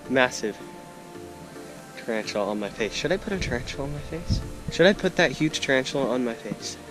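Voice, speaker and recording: A young man chatting excitedly to a vlog audience outdoors, slangy and full of exclamations, as a wildlife explorer. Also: a little high. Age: young adult. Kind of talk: casual excited vlog chat. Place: open desert scrubland, outdoors. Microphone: handheld action camera.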